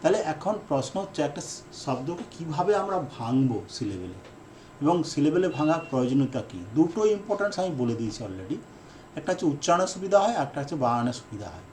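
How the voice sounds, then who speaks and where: A man who is an English teacher giving a lesson, repeating his key definitions and speaking in slow, deliberate phrases with fillers. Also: a little high, big pitch swings, a little mellow, a little hiss or hum. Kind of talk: explanatory lesson lecture.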